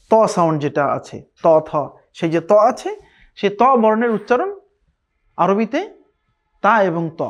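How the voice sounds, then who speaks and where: A man with a Bangladeshi Bengali accent teaching Arabic letter pronunciation in an online lesson. He speaks slowly and patiently, repeats each sound several times and often pauses on a drawn-out "ah". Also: high-pitched. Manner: frequent drawn-out "ah" fillers. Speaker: Quran recitation teacher.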